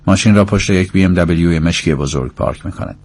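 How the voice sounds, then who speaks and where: Deep-voiced male audiobook narrator. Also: a little mellow, dry recording. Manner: measured, descriptive.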